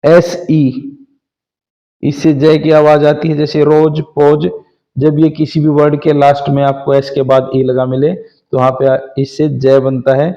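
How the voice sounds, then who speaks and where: Slow, patient male phonics teacher. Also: on the high side, monotone. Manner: slow, patient, spells words letter by letter. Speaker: English teacher. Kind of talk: phonics lesson, spelling out letters. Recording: dull lo-fi sound.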